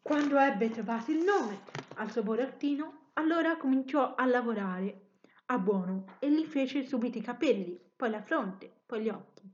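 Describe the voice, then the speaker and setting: A woman reads a children's story aloud with expression, now and then correcting a slip. Her voice is fairly high. The recording is muffled and lo-fi. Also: moderate pace. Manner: expressive reading with occasional self-corrections.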